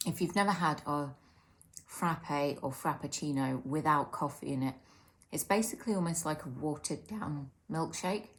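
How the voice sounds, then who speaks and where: British female vlogger, low-pitched, casual and candid eat-with-me chat over a drink. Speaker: vlogger sharing eating disorder recovery support.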